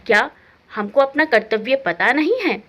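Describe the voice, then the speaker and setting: A woman voicing the youngest daughter-in-law in a loud, eager way. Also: high voice, expressive, normal speed.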